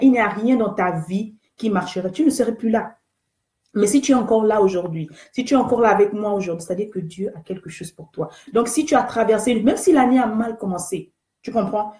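A woman hosting a live online faith talk show speaks earnestly and exhortatively, repeating key phrases and greeting viewers by name. Her voice is medium-pitched, mellow and reverberant.

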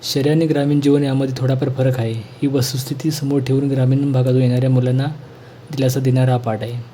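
A man reading a school textbook lesson aloud in a plain, measured way. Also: medium pitch, little pitch movement, mellow, a little hiss or hum.

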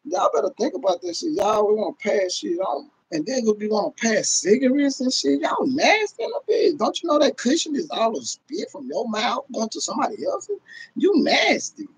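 A gravelly, very high-pitched voice with big pitch swings belongs to a middle-aged American man ranting on a casual livestream at normal speed. He's blunt, profane and emphatically repetitive, and the rough recording from a phone or webcam at arm's length in his home has a little hiss or hum.

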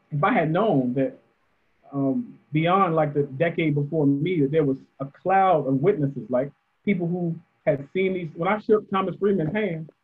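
A man's voice: a little high, slightly rough. A debate coach speaking on a panel, thoughtful, often repeating words as he starts a sentence. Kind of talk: panel discussion answer. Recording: muffled phone-like audio.

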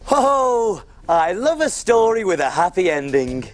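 A man's voice: high voice, very animated, a little slow, soft background music. A man playing a big, friendly male cook on a children's TV show, jolly and teasing, full of exclamations. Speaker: children's TV presenter. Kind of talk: children's TV acting.

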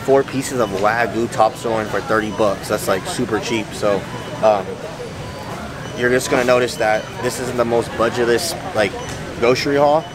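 Against a crowd in the background and noisy store ambience, a young fitness vlogger casually films himself shopping in a big warehouse store. His mid-range voice stays fairly even at a moderate pace while he jokes around in slang.

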